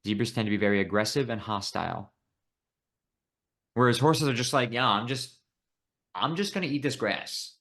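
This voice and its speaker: A man's voice: medium pitch, normal speed, long pauses, fairly bright tone. A man from Buffalo, New York, co-hosting a podcast in casual chat, teasing and joking, with casual swearing. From Buffalo, New York, USA. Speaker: podcast co-host.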